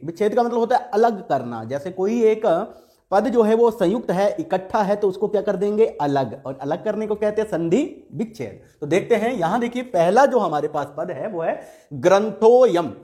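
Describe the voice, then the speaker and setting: High-voiced male teacher quizzing students. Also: dark tone. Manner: asks questions then answers them himself. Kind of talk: classroom lesson explaining exercises.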